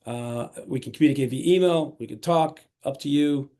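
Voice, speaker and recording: A middle-aged man talking as a podcast guest in a casual, energetic and enthusiastic way, often restarting his sentences. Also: mid-range voice, moderate pace. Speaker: podcast guest, self-storage investor. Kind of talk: casual interview talk.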